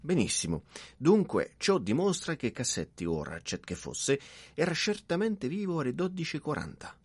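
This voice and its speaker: An actor playing an excitable, talkative railway director in a radio play, exclaiming often in a husky voice. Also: male voice, a little high, moderate pace, dry recording, heavily acted. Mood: excited. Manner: animated, exclamatory.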